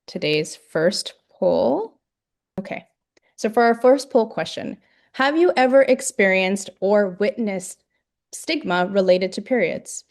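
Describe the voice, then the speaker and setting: A woman moderating an online webinar, giving measured, scripted introductions with the occasional filler. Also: medium pitch, vocal fry, a little mellow. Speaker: webinar host.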